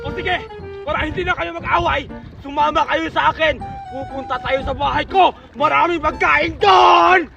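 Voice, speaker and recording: A high, gravelly sea-monster schemer. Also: fairly even intonation, a little fast, lo-fi sound. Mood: bossy. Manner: loud, scheming, bellowing. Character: greedy sea-creature ogre posing as a kind host. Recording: music playing behind.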